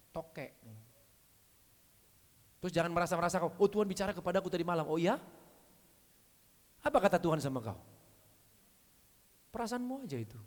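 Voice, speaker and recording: A male preacher, giving a blunt, scolding sermon with sudden loud calls. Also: high-pitched. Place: church hall. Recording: long church hall reverb.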